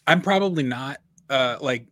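A man with a bright, forward voice chats loosely on a podcast, rambling and circling back to correct himself. The recording is close and dry, with no room sound. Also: mid-range voice, lively intonation, normal speed, dry recording. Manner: rambling, self-correcting, chatty. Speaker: podcast co-host. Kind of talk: casual conversational podcast chat.

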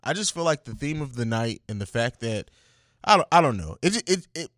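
A man's voice: mid-range voice, very animated, brisk, fairly bright tone, no room sound, studio quality. A man co-hosting a podcast, chatting casually about film in a laid-back, profane way and calling his co-host bro.

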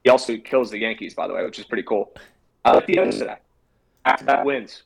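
A man's voice: lowish voice, quick pace, vocal fry, slightly rough, low-quality recording. Brash man giving betting picks. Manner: brash, confident picks talk. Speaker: sports betting co-host. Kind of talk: casual sports betting chat.

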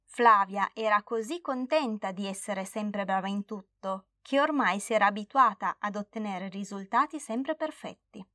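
A woman reading a children's story aloud, clear and steady, in a mid-range voice. The recording is close and dry, with no room sound. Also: mid-range voice, normal speed, dry recording. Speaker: narrator.

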